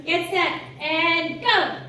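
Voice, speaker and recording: Peppy woman running a health seminar workout, highish voice, super echoey room, music and crowd going. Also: extremely slow, very noisy. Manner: energetic, cheering and counting down. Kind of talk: live seminar talk and workout cheering. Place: large room with audience. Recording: echoey hall, far-off mic, music and crowd.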